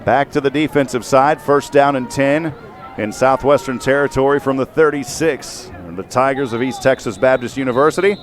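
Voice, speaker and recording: A man doing live play-by-play commentary on a college football game from a stadium booth, his voice jumping up and even shouting on big plays. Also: medium pitch, normal speed, a faint crowd, a little hiss or hum. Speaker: play-by-play announcer.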